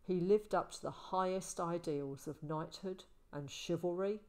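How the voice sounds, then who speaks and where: A woman reading the part of a calm older male ranger, speaking quietly and soberly. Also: fairly low pitch, a little slow, natural voice. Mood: gentle.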